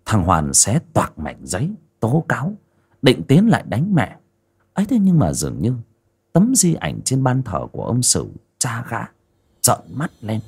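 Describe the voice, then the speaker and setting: A man giving slow, dramatic scripted narration of a dark folk story. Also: medium pitch, huge pitch swings, gravelly, slightly rough.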